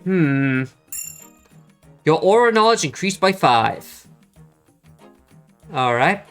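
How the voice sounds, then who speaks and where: A woman streams a let's play, thinking aloud and chatting with viewers as she reads the game, with game music in the background. Her voice is deep and very animated, and she speaks slowly.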